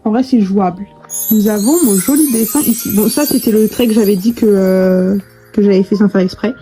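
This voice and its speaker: A woman's voice: medium pitch, normal speed, dark tone, soft background music. A young woman chatting casually to camera in a vlog, full of fillers and restarts. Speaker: vlogger.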